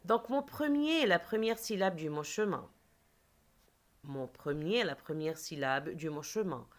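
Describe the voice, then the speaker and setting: A woman teacher leading a reading lesson for children, speaking slowly and clearly and stretching out words. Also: lowish voice. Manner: slow, clear, lively teacher voice, drawing out words.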